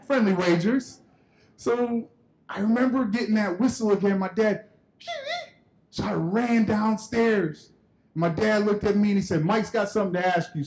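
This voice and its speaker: A man giving a keynote speech at a conference, telling a personal story in an animated way and acting out the dialogue. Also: sits high, poor audio. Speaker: keynote speaker. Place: conference hall stage.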